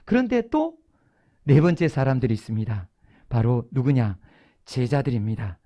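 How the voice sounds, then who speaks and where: A preacher in a church sanctuary, giving a Sunday sermon. The voice sits at a middle pitch but swings widely up and down. The preacher keeps asking the congregation questions and then answers them in a storytelling way. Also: big pitch swings, moderate pace, warm tone.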